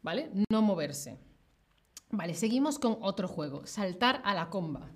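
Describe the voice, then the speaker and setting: A young woman teaching Spanish on a livestream, speaking slowly and clearly and playfully acting out examples. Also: mid-range voice, big pitch swings. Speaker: Spanish teacher streaming live. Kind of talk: livestream language lesson.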